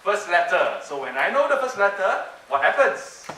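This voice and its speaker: This conference speaker's voice sits high and sounds bright, forceful and very animated at normal speed. Playfully working a mind-reading trick, he coaxes the audience and repeats himself, while a distant mic records the roomy hall with background noise, audience laughter and room ambience.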